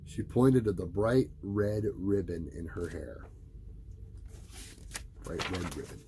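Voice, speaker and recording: A man reading a storybook aloud to a young child as the parent, pausing for casual asides and questions. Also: sits low, lively intonation, noisy background.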